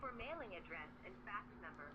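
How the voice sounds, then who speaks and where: A woman's voice on a recorded phone menu message, giving measured, looping prompts through a phone speaker. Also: on the low side, very animated. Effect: recorded phone menu message played over a phone speaker. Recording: muffled lo-fi phone speaker with loud background noise.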